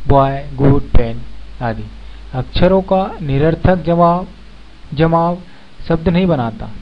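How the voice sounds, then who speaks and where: A man teaching a beginner English grammar lesson, explaining each point step by step and repeating example words. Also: on the high side. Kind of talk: slow spoken grammar lesson. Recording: dull lo-fi recording with faint background noise.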